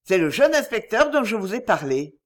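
A reader doing a gruff barking commissioner. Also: medium pitch, very animated, moderate pace, natural voice. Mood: mocking. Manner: barking, sarcastic. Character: gruff male police commissioner, blunt and mocking.

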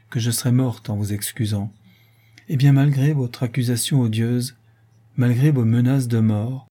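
A steadfast young bride-to-be from a storybook reading, gentle yet unbending in her vows, as a man reads her lines. The voice is mellow and a little husky, unhurried and solemn. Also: medium pitch. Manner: soft yet resolute, solemn. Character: young woman, gentle but firm fiancée.

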